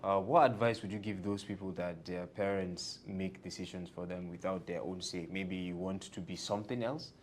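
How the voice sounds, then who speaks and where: A man's voice: fairly even intonation, moderate pace, few pauses. A man hosting a casual interview as the interviewer, often chiming in with short affirmations. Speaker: interviewer and host. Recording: rumbly background noise.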